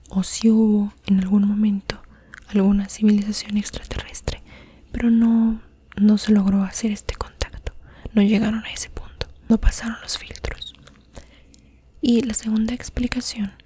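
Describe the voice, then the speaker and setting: A woman whispering under her breath in a soft-spoken ASMR podcast monologue, as its host. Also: mid-range voice, a little hiss or hum.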